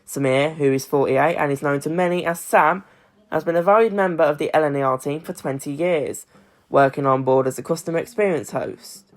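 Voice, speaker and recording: A young British man reading an amateur news bulletin from a script in a measured, formal way. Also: a little high. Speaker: news presenter.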